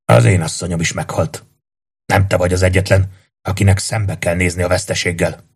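A man doing an old fatherly warrior in a storybook reading, speaking calmly and gently. the voice is low and husky. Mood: gentle. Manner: calm, gentle.

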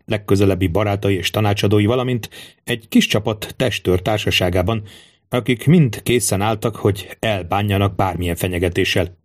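Low-voiced man reading a novel aloud. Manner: steady, even storytelling. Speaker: audiobook narrator. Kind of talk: scripted audiobook narration.

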